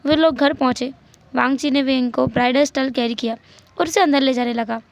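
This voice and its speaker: A woman narrating a fan story in a lively retelling with English words mixed in. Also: high voice, brisk.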